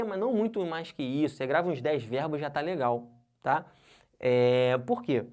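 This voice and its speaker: A man's voice: fairly high pitch, darkish tone. A man from Brazil teaching grammar to exam candidates in a casual lecture, often checking in with his students. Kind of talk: recorded classroom lecture.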